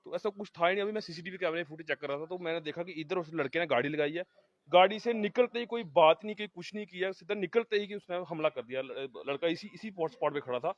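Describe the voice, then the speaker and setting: Male eyewitness relative, rapid and emphatic, fairly high pitch, on-location interview. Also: no room sound. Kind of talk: on-the-spot interview. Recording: dull, lo-fi field audio.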